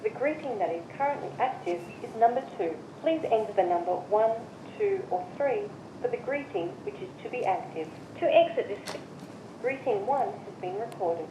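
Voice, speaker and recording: A woman's recorded voice reading voicemail system menu prompts in measured, evenly spaced instructions, heard through a phone speaker. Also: on the high side, big pitch swings, dark tone. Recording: muffled, echoey phone speaker with hiss.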